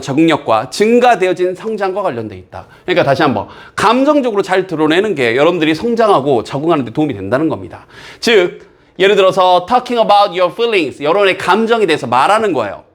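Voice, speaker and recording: Animated Korean man teaching English. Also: high-pitched, a little fast. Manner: lively, animated explaining with reading aloud of English phrases. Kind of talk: recorded exam-prep lecture.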